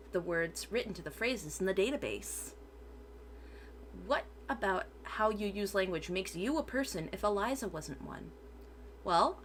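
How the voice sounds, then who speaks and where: A woman's voice: mid-range voice, a bit bright. Woman streamer reading aloud, with background noise. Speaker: streamer, VTuber. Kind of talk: reading a transcript aloud to stream viewers, with brief asides.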